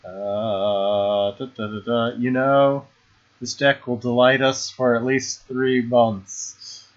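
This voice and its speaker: A man talks his viewers through a card game at a slow, unhurried pace, hedging and restarting his sentences. His voice comes through a dull, lo-fi stream mix. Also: medium pitch, fairly even intonation. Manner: hesitant, full of fillers and restarts. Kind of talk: casual live-stream chat.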